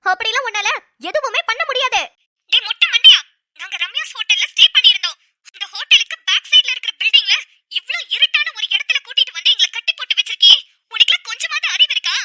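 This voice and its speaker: A woman voicing a frightened but defiant young heroine in a cartoon, with a squeaky, tearful manner. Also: moderate pace, sharp tone, a little hiss or hum. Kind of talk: cartoon voice acting.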